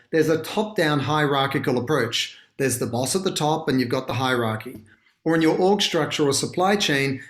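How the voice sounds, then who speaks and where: Australian man in a roomy, echoey recording. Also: fairly high pitch. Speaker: guest, consultancy founder and speaker. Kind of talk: interview conversation, explaining.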